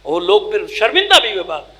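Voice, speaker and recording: A male cleric delivering a sermon at a mourning gathering, emphatic and scolding, firing rhetorical questions and swinging between loud outbursts and low asides. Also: huge pitch swings. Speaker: Shia cleric giving a majlis. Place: imambargah during a mourning gathering.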